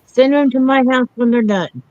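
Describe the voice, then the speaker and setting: A woman's voice: sits high, moderate pace, darkish tone, no room sound, highs cut off. A woman chatting casually as the co-host of a livestream. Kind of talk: casual chat.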